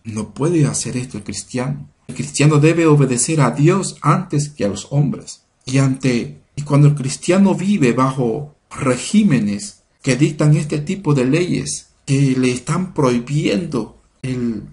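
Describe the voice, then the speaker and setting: A man giving a sermon-style Bible lesson in an earnest, measured way, building his points through repeated phrases. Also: medium pitch, lively intonation, darkish tone. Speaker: Bible study teacher.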